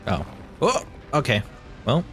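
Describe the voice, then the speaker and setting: Casual male streamer, slow jokey commentary, lively pitch, faint game music. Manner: jokey, laughs often, reacts to the game.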